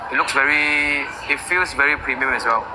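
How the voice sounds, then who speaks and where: A man's voice: mid-range voice, moderate pace. A man with a Malaysian accent chatting casually as a vlogger, switching between Malay and English with colloquial particles. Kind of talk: casual chat. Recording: noisy on-location vlog, traffic-like ambient noise.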